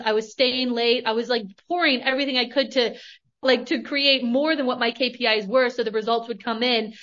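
American woman host, candid storyteller, slightly higher pitch; dull lo-fi recording. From United States. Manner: candid, animated storytelling with casual swearing. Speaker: podcast host, money coach. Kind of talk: casual monologue.

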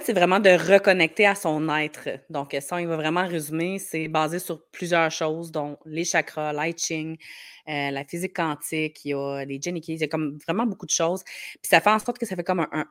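A woman with a Quebec French accent and a fairly low voice, recorded close and dry. She sounds gravelly and a bit hoarse from a cold coming on, and explains in a loose, conversational way with many filler words. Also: fairly even intonation, normal speed, fairly bright tone, no echo. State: slight head cold starting. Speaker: podcast guest, marketing strategist.

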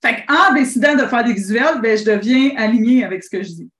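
A woman with a Québécois accent, a business coach hosting a call-in show, talking in an animated, rambling way full of restarts. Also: on the high side, a little fast, reverberant. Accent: Québécois French. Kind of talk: casual call-in coaching talk.

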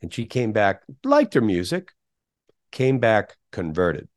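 Low-voiced middle-aged man, emphatic. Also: wildly swooping pitch, slow, no echo, clean studio sound. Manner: emphatic, asks rhetorical questions. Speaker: podcast guest, sales speaker. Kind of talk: conversational interview.

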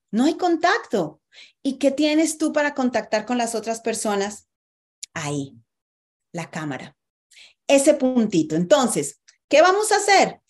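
A woman coaching writers on body language in an online masterclass, speaking emphatically and addressing her listeners directly. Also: mid-range voice.

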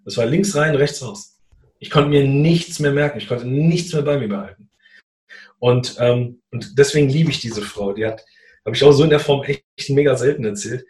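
A man in a casual conversation, telling a personal story in a lively way and acting out what people said. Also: medium pitch, moderate pace, reverberant. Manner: animated, acts out quoted dialogue. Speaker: guest telling his story.

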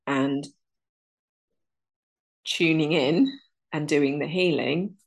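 A deep, gravelly-voiced woman in her 30s appears as a guest in an interview, speaking as an energy alignment teacher. She's earnest and unhurried, reflecting aloud and stringing items together in lists.

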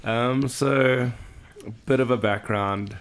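A man's voice: mid-range voice, steady tone, slow. A man from South Africa, a podcast guest chatting casually and laughing easily about his background. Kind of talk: casual chat. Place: cabin.

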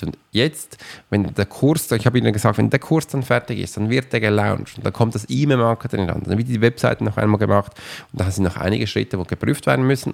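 A man's voice: on the low side, vocal fry, darkish tone. A man, talking as a podcast host and coach in a chatty, rambling way and speaking straight to the listener. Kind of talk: casual motivational monologue.

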